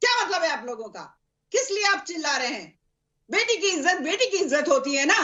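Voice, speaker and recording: Woman, party spokesperson, TV debate, forceful, rhetorical, high voice, bright tone. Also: big pitch swings, fairly quick, lo-fi sound. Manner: forceful, rhetorical, lists repeated examples. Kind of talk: heated televised debate.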